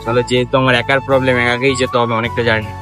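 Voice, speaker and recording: Fast-talking young man vlogging a train trip. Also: mid-range voice, level tone, loud music behind the voice. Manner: chatty, keeps asking "ঠিক আছে?", talks softly when alone. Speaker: travel vlogger. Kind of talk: casual travel vlog to camera. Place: train station and train.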